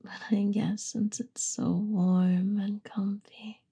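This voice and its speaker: A woman's voice: medium pitch, level tone, takes it slowly, dark tone, breathy edge. A young woman whispering an affectionate, soothing ASMR roleplay. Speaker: ASMR performer.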